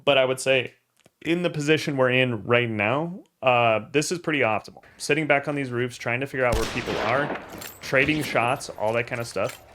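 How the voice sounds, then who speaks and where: Man, young adult, game coach, casual review commentary, blunt, relaxed, mid pitch. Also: moderate pace, noisy background. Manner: relaxed and blunt, with loose fillers and some swearing. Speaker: gameplay coach and channel host.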